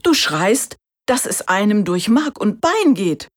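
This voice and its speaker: A woman voicing a sensible male donkey in a storybook reading, speaking in a steady, reassuring, matter-of-fact way. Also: medium pitch, takes it slowly, pitched above the performer's own voice. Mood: concerned. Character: sensible, calm male donkey leading the band.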